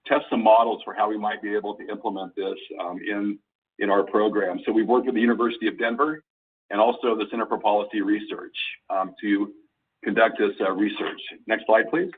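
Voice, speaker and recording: On a conference call, a man with a low, husky voice walks colleagues through slides, explaining haltingly and deliberately in a steady tone. The phone-line audio sounds thin, as though he's sitting well back from the receiver.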